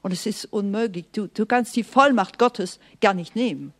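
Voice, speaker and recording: A woman preaching a sermon in an earnest, emphatic way, sometimes dropping to soft, hushed asides and speaking straight to the listener. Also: medium pitch, normal speed. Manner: speaks directly to the listener, often asking "Okay?".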